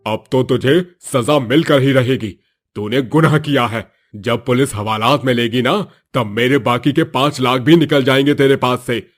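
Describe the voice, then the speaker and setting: A man's voice: medium pitch, normal speed, soft background music, natural voice. A man playing a stern, wealthy employer who feels betrayed, scolding and threatening in a moral story. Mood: angry accusing. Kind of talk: acted Hindi moral story.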